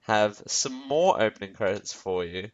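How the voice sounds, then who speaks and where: A man's voice: lowish voice, animated, measured pace, muffled recording, noisy background. A man hosting a casual film review, rambling and correcting himself as he talks to his audience. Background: faint background music.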